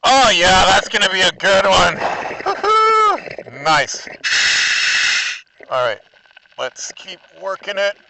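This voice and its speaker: A man scuba diving and vlogging as he talks through a full face dive mask underwater. He talks casually and breaks into squealing, high exclamations when he gets excited. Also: slow pace, gravelly, pauses often. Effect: talking through a full face dive mask underwater. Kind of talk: casual underwater vlog narration. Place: underwater in a shallow kelp bay. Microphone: mic inside a full face dive mask. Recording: noisy underwater mask recording.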